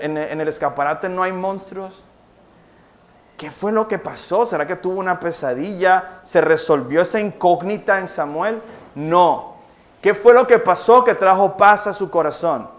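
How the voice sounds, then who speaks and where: A young Colombian pastor with a high voice preaches in a church. He tells his stories vividly, and he keeps asking questions and answering them himself. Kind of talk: sermon. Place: church hall.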